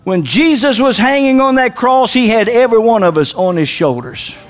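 Male pastor, high-pitched voice, fervent sermon delivery with shouted peaks. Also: lively intonation, normal speed. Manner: preaching with rising shouts and call-and-response.

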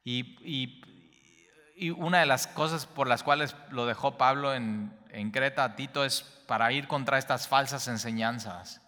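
A man's voice: medium pitch, unhurried, sharp tone, in a large hall. A man preaching a Bible teaching sermon, speaking straight to the listener and repeating key phrases for emphasis.

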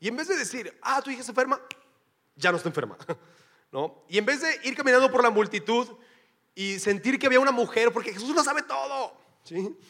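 A man's voice: very high voice, big pitch swings, brisk, pushed and bright. A man with a Mexican Spanish accent preaching a sermon as pastor, in a casual, joking, slangy way. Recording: long hall reverb.

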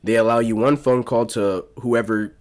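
A man's voice: medium pitch, fairly even intonation, moderate pace, darkish tone. A young man co-hosting a podcast, telling a story in casual chat, swearing freely and leaning on lots of fillers. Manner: profane, laid-back storytelling with lots of fillers. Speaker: podcast co-host.

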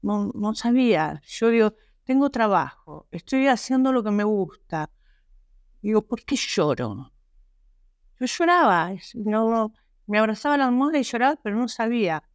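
An Argentine woman, a guest author, telling her personal story in an interview, halting and earnest with frequent restarts. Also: a little high, lively intonation, clear, resonant tone, no echo, clean studio sound. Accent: Argentine Spanish. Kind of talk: personal testimony in a podcast interview.

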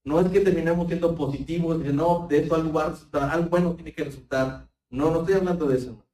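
A man's voice: a little high, steady tone, fast talker, warm tone. A man preaching a fervent sermon, often repeating words and calling the congregation brethren. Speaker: pastor. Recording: roomy sound, voice far from the mic.

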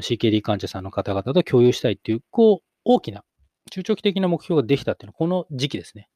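A middle-aged man hosting a solo podcast, talking reflectively with many fillers and pauses. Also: mid-range voice, dark tone, no room sound, studio quality. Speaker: podcast host.

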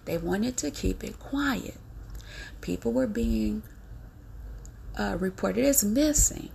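A woman's voice: mid-range voice, expressive, takes it slowly, creaky, darkish tone, a little hiss or hum. A woman, a vlogger giving emphatic, preachy warnings to her viewers and repeating her points. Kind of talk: emphatic direct-to-camera warning.

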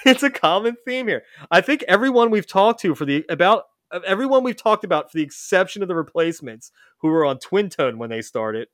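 A man's voice: sits high, animated, a little fast, few pauses, fairly bright tone, no room sound, clean studio sound. A man hosting a casual music chat, rambling and often correcting himself mid-sentence. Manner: rambling, self-correcting, lots of restarts. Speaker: podcast host.

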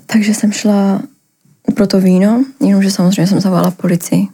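Young woman, podcast guest, halting speech full of fillers, mellow dark tone, mid pitch. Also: flat delivery, husky. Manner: halting, hesitant, many filler words. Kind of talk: personal account in a podcast interview.

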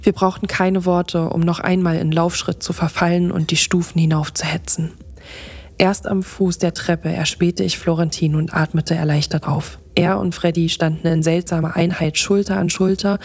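A woman narrating a fantasy story in the first person, steady and expressive, as a podcast narrator. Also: fairly low pitch, moderate pace, slightly rough.

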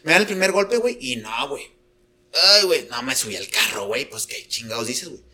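A man's voice: mid-range voice, animated, a little fast, bright, forceful tone. A young man with a northern Mexican accent hosting a podcast, telling a story in casual chat, swearing a lot and saying "güey" constantly. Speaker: podcast host.

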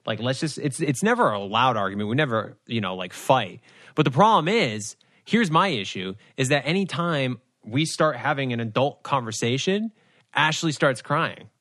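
A man's voice: mid-range voice, expressive, moderate pace, a bit bright, dry recording, clean studio sound. A man co-hosting a casual podcast chat over a video call, rambling and poking fun at himself. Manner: rambling, self-deprecating storyteller. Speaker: podcast co-host.

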